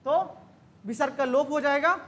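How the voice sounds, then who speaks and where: High-voiced woman teaching grammar. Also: fairly even intonation, normal speed, a bit bright. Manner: quizzing, asks then answers her own questions. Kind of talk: exam-prep grammar lesson.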